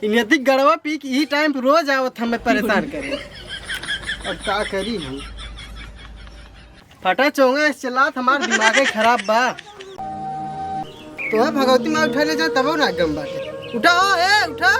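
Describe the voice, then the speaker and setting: A woman's voice: high voice, animated, unhurried, pauses often, over loud music. A woman playing a fed-up, scolding village wife with an Awadhi accent in a broad rural comedy, cursing in exasperation. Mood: exasperated. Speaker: comic actor in a village skit.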